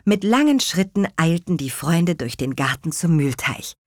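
A woman narrating a children's audio story in a clear, even storytelling voice. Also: on the low side, moderate pace, no echo, studio quality.

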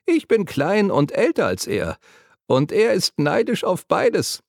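A man voicing a shrill, cackling tiny old woman who teases and fusses over a young patient. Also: huge pitch swings, slow pace, creaky, no echo, clean studio sound, exaggerated voice. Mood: teasing.

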